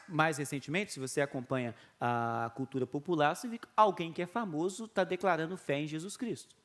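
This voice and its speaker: A middle-aged Brazilian man with a Brazilian Portuguese accent, a pastor giving a video sermon and telling stories in an animated way with chuckles. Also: fairly high pitch.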